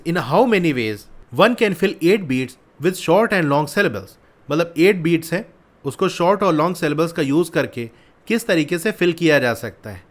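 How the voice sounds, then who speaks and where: A man's voice: fairly high pitch, a bit bright. A man teaching a maths lesson, explaining patiently step by step and asking questions, reading lines. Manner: patient, repeats steps and asks questions.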